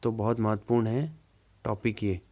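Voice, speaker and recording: A man teaching a Hindi exam-prep lesson, informally thinking aloud and repeating words slowly as he works out each answer. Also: on the low side, dark tone. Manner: informal, says "yaar" to himself.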